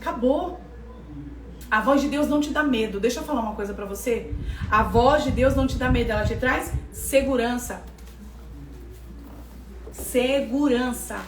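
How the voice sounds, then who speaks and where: Brazilian woman preaching a lesson, high voice, repeats stuff for emphasis, echoey room. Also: a little fast, noisy background. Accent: Brazilian Portuguese. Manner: emphatic, repeating phrases for stress. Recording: echoey room from far off, faint ambience.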